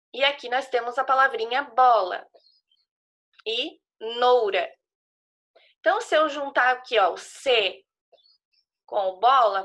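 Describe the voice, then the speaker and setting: Slow, bright-voiced Brazilian teacher woman. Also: a little high. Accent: Brazilian Portuguese. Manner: slow, patient, spelling out syllables for young kids. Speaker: primary school teacher. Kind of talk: remote class explaining a worksheet to children.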